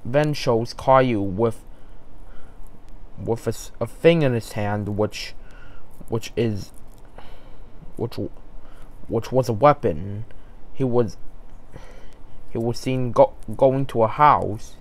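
Slow, halting male creepypasta narrator. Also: medium pitch. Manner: halting, stumbling, many restarts.

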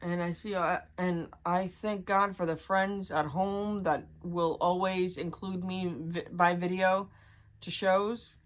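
A young woman talking candidly to her vlog audience, halting and restarting as she holds back tears. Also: fairly low pitch, steady tone. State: on the verge of crying. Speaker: vlogger.

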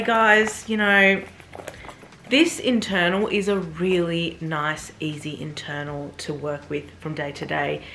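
A woman's voice: on the low side, fairly bright tone, a little hiss or hum. A woman in her thirties chatting enthusiastically to viewers as she unboxes and reviews a bag. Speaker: fashion vlogger. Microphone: camera mic.

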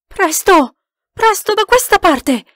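A woman reading an audiobook aloud, voicing a desperate gentleman who barks urgent orders. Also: a little high, moderate pace, no room sound, studio quality, lightly acted. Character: desperate commanding English gentleman.

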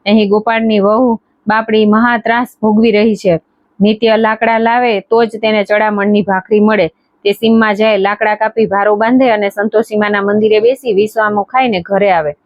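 A woman storyteller reading a devotional folk tale in a measured, steady way. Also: mid-range voice, dry recording. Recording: dry, dull lo-fi recording.

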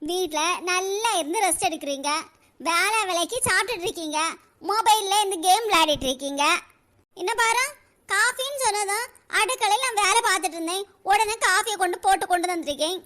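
Woman voicing a squeaky scolding cartoon wife. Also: animated, a little fast, sharp tone, exaggerated voice. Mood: mocking. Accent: Kanyakumari Tamil. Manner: scolding, quarrelsome. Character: sharp-tongued scolding young wife.

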